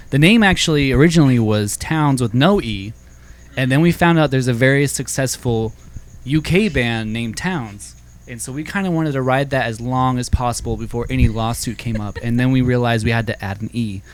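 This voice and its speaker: A man's voice: mid-range voice, normal speed. A man guest from a band chatting casually in a garage studio, cracking dry jokes. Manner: dry joking. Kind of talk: casual interview chat.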